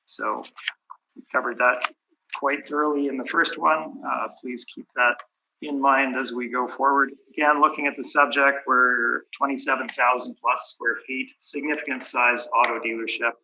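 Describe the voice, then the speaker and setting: At a property tax hearing in a municipal committee room, a man representing the appellant walks through figures in a formal presentation full of fillers. His mid-range voice is hoarse and fading yet very bright and cutting, steady in tone at a moderate pace, and he clears his throat often. The low-quality recording has a faint hiss behind him.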